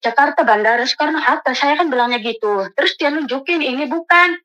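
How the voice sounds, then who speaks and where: An Indonesian woman calling in to tell her story as a domestic worker, animated and acting out the people she quotes. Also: sits high, brisk, low-quality recording. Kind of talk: phone-in story told to an advice host.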